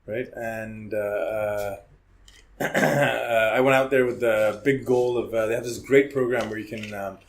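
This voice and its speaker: On a relaxed podcast, a Hong Kong-raised criminal defense lawyer in his forties talks openly, finishing many sentences with "right?". His fairly low voice has fairly even intonation and a measured pace, and he comes across as a chatty storyteller.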